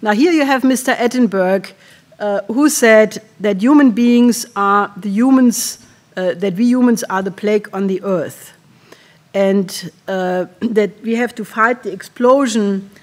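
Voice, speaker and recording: A woman in her sixties with a German accent gives a keynote speech at a podium in a large hall, earnest and halting, often clearing her throat. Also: medium pitch, darkish tone. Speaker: keynote speaker. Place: large conference hall with audience. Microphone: podium microphone.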